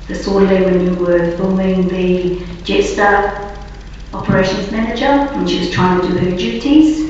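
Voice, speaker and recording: A woman police officer giving formal, deliberate and halting testimony as a witness under cross-examination. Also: on the low side, a little mellow. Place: large reverberant courtroom, far from microphone. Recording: very echoey distant courtroom recording, muffled, faint noise.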